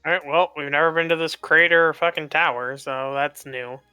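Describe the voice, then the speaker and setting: A man's voice: fairly high pitch, fairly even intonation, moderate pace, pushed and bright, clean tone, no echo, soft background music. A man playing in a tabletop game, talking casually in a blunt, profane way. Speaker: player.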